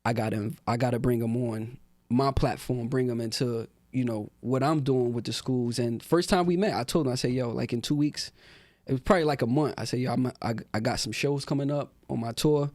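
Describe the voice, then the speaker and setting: In a dry, studio-quality recording, a young Newark, New Jersey rapper with a mid-range voice talks briskly as a podcast guest. The interview stays casual, his manner relaxed and street-style, with many fillers.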